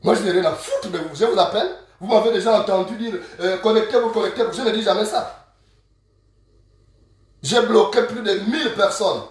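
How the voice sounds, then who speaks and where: A man from Gabon with a Gabonese French accent, ranting straight to camera as an online activist, scolding and insulting his listeners and repeating proverbs slowly. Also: high voice. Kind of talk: angry direct-to-camera rant. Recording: very echoey room, from a distance.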